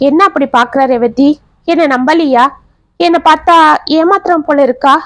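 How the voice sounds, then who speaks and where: A woman's voice: high voice, moderate pace, fairly bright tone, dry recording. A woman voicing an earnest young male suitor. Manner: earnest, pleading.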